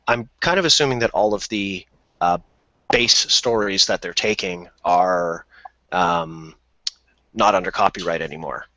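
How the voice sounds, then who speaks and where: A man with a bright, forceful voice hosts a casual podcast chat, steering the talk and laughing easily. The sound is dry and a little dull, like call audio. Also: low voice, no echo. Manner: leads the talk, laughs often. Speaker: podcast host.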